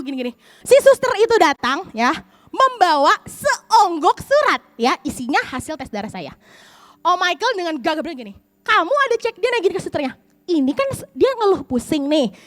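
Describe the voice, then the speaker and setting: A young adult woman pastor preaching in church, telling a personal story with lively acted-out dialogue. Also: very high-pitched, a little fast, no echo. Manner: lively storytelling, acts out quoted voices.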